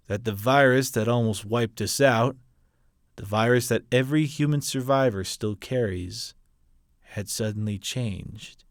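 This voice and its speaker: A man playing a hardened, ruthless military officer, a colonel delivering a grave, deliberate dramatic film monologue. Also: lowish voice, no room sound, studio quality. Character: hardened, ruthless military colonel justifying his brutal mission.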